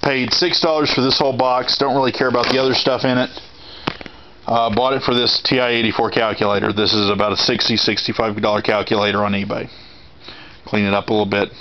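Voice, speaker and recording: In an indoor storage room, a Texas man in his thirties with a medium-pitched voice shows off his auction haul for his reseller vlog, rambling plainly and often restarting his sentences. The handheld camera's audio is dull and lo-fi, with clear noise.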